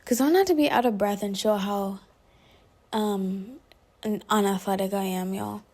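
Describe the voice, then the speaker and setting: A young adult woman telling a story to her viewers in a casual, animated vlog, laughing often and filling her speech with "like". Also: mid-range voice, normal speed. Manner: animated, chatty, laughs often, heavy use of "like". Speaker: vlogger.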